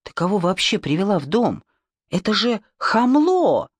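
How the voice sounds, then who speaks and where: A woman's voice: medium pitch, very animated, a little slow, breathy edge, no echo, studio quality, pitched above the performer's own voice. A woman voicing a haughty, disdainful man, a husband, in an audiobook. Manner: disdainful, firm. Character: haughty irritated husband, Vadim.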